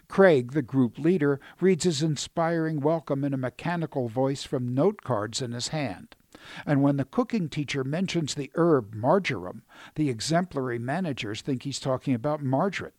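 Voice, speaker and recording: A man's voice: mid-range voice, a little mellow, dry recording. A man delivering a scripted radio film review in a dry, wry, critical manner.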